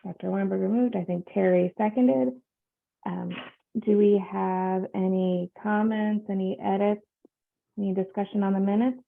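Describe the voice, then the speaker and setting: A woman's voice: medium pitch, fairly even intonation, moderate pace, gravelly. Woman chairing a meeting over a tinny line. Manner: procedural, many fillers. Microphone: video call.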